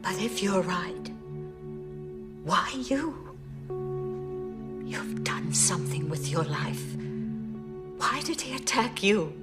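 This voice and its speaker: A woman's voice: medium pitch, expressive, slow, pauses often. An actress playing a weary, defensive woman in film dialogue. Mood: questioning. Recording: loud music over the dialogue.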